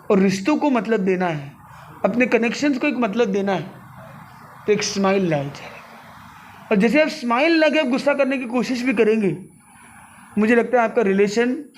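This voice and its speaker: High-voiced man giving a playful talk. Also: a little hiss or hum. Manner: playful, laughing often, mixes Hindi with English phrases. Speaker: spiritual speaker addressing an audience. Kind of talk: live motivational talk.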